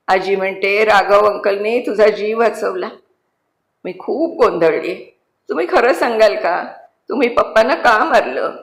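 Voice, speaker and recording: A woman reading out a confused young girl's earnest, pleading letter in a storybook reading. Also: a little high. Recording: roomy echo.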